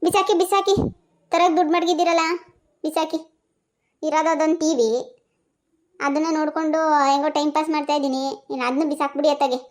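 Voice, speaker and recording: A bossy village mother in a cartoon scolds her family in rapid, shrill bursts, voiced by a woman. Her voice sits extremely high and races along. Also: steady tone, natural voice. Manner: shrill, nagging, quick scolding.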